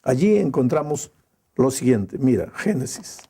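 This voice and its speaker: A male pastor preaching a sermon in a slow, emphatic way with dramatic pauses. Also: medium pitch, big pitch swings, mellow, husky.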